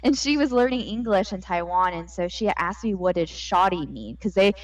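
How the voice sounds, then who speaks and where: A young woman from the United States, chatting casually on a podcast and telling her story in an animated, laughing way. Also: fairly low pitch, normal speed, heavy background noise. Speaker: podcast co-host. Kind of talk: casual chat.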